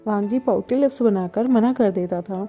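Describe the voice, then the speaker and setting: A woman storyteller reading a fan fiction story aloud in steady narration. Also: medium pitch, normal speed, muffled recording, faint music behind.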